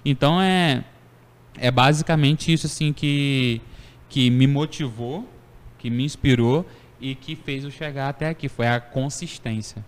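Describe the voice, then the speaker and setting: A man hosting a casual podcast conversation, telling stories in a playful, animated way. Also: medium pitch, measured pace, big-room sound. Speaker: podcast host.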